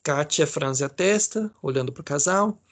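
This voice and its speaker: A man's voice: on the high side, lively intonation, a little slow. A male psychology lecturer with a Brazilian accent, reading a case aloud to an online class in a casual way, full of fillers and check-ins. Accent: Brazilian Portuguese.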